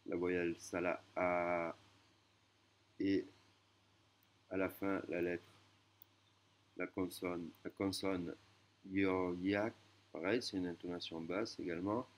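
A man teaching a language lesson, explaining slowly with hesitations and self-corrections. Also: deep voice, dull audio, a little hiss or hum.

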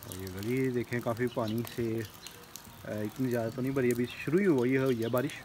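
A vlogger in his thirties films a casual home vlog on a handheld phone, moving between his kitchen indoors and a rooftop outside. He narrates cheerfully to viewers and exclaims often, in a mid-range, slightly dark voice with a steady tone at normal speed. The phone recording is noisy.

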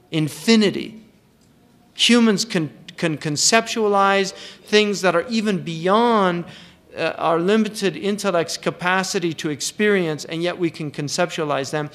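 A man's voice: a little high, a bit bright. An older man giving a thoughtful religious lecture as a teacher, often repeating words and reciting verses.

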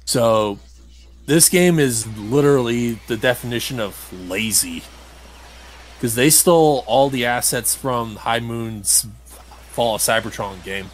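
As he plays, a let's play host offers casual commentary on the game, grumbling, critical, and mildly profane. His voice is medium-pitched and unhurried, with slight background noise.

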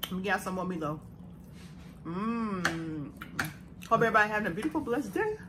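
A woman's voice: mid-range voice, big pitch swings, normal speed. A woman hosting a mukbang and chatting casually with viewers. She talks with her mouth full of food and hums between bites. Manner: addresses viewers directly, hums while chewing. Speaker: mukbang host. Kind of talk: casual chat while eating on camera. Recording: noisy background hiss.

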